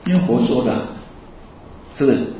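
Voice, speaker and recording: A man giving a Buddhist dharma talk to an audience, asking them lively rhetorical questions and laughing in between. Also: mid-range voice, moderate pace. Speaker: Buddhist teacher. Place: hall with an audience. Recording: echoey hall, distant mic, dull sound.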